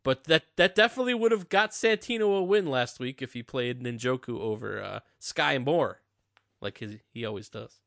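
A man's voice: mid-range voice, animated, normal speed, vocal fry, a bit bright, dry recording. Dry-sounding man hosting a podcast. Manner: jokey, reads listener emails. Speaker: podcast host. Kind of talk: casual podcast chat.

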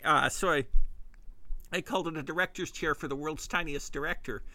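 A man's voice: on the high side, a little fast, sharp tone, no echo. A man with a Midwestern accent, hosting a podcast and telling a casual comedic monologue, often breaking into giggles at his own puns. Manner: giggly, self-amused punning. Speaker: podcast host.

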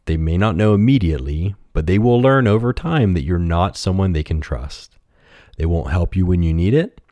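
A man with a very deep voice narrates a children's fable and its moral. His delivery is expressive and swings widely in pitch while staying gentle and encouraging. The sound is close and dry, with no room around it. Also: no room sound. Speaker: storytelling podcast host.

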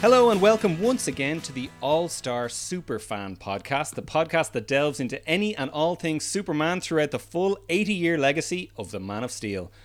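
A man's voice: on the high side, very animated, normal speed, few pauses, faint music behind. A man, hosting a podcast and welcoming listeners and guests in a presenter's style. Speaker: podcast host. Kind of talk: podcast introduction and interviewing.

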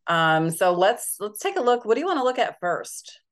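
A woman's voice: mid-range voice, sing-song, moderate pace. Chatty lady cohosting a movie podcast, laughs a lot, teasing, casual talk. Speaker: podcast co-host, movie reviewer. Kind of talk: casual chat.

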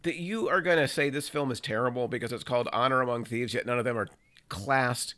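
A man's voice: medium pitch, brisk, bright, forceful tone. A man co-hosting a casual film review podcast, teasing his partner and laughing often. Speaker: podcast co-host.

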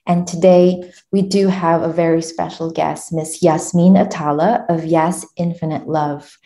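A woman's voice: deep voice, level tone, unhurried. A woman hosting a podcast interview, introducing her guest formally and asking follow-up questions. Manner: warm formal hosting, frequent backchannel mm-hmms. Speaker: podcast host.

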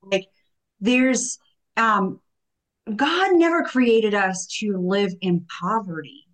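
Woman host, effusive and heartfelt, medium pitch, conversational interview. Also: slow pace, low-quality recording. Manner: effusive, emotional reactions. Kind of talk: podcast interview.

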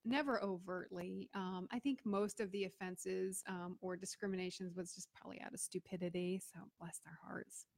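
A woman's voice: on the low side, fairly even intonation, moderate pace, vocal fry, hardly any pauses, darkish tone, dry recording. A middle-aged woman from Florida, a guest chatting casually and acting out the voices of people in her stories. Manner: chatty, acts out quoted voices. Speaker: guest, business owner and veteran. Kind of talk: casual storytelling interview.

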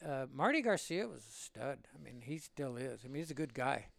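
A man in his seventies from Illinois, a veteran telling a war story in an interview, rambling and animated. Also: medium pitch, brisk, creaky, dry recording. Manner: rambling and animated, with laughs and acted-out quotes. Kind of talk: oral-history storytelling.

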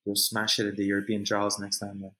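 A Montreal man with a lowish, monotone voice talks fairly quickly over background noise. He's a jiu-jitsu competitor appearing as an interview guest, chatting casually and unscripted, leaning on slang and repeating phrases for emphasis.

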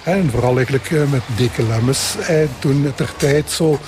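A man's voice: medium pitch, normal speed, background noise. An older Belgian man in his seventies with a Limburg accent, speaking hesitantly as a parish priest answering interview questions. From Belgian Limburg, Flanders. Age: 70s. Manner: hesitant, repeats himself.

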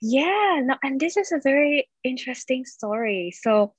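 A woman's voice: high-pitched, animated, normal speed, slightly rough, dry recording. A woman in her twenties, originally from Thailand, chatting as a podcast guest in an upbeat, talkative way. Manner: chatty and upbeat, laughs between stories. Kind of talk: casual interview chat. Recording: slightly dull dry sound.

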